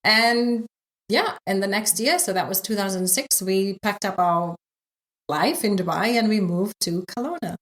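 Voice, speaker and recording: A middle-aged South African woman, a yoga instructor appearing as an interview guest, tells her story casually in a South African accent. Her mid-range voice is a little slow, with frequent fillers and light laughs.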